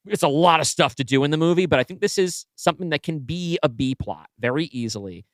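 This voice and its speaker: Fast and lively in his intonation, this man's fairly high voice comes through with no room sound. He's co-hosting a podcast and casually brainstorming a story, dropping "like" often and tagging lines with "right?".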